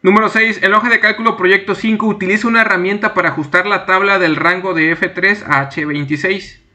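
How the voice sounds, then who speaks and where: A young man teaching a screen-recorded software tutorial, reading each task aloud and then narrating his clicks step by step at a desk mic. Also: high-pitched, fairly even intonation, fairly quick. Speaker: instructor.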